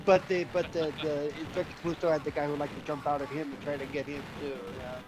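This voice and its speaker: A man's voice: on the high side, little pitch movement, quick pace, rough recording. A man co-hosting a retro gaming podcast, explaining things casually and correcting himself as he goes. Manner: explaining, self-correcting, chuckling. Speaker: podcast co-host. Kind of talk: casual group chat while gaming. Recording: music playing behind.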